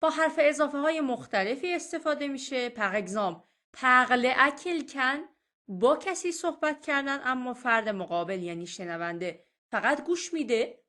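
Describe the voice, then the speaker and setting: A woman teaching French vocabulary in a recorded lesson. She says each French phrase slowly and clearly, then explains it in a softer voice. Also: high-pitched, lively intonation. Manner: patient and explanatory.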